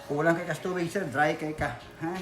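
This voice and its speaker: A man's voice: a little high, fairly even intonation, fairly quick, a bit bright. A man, a holistic therapist chatting and coaxing a client through treatment. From Philippines. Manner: coaxing, reassuring, repeats short checks. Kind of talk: casual talk while treating a client. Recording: echoey room with music behind.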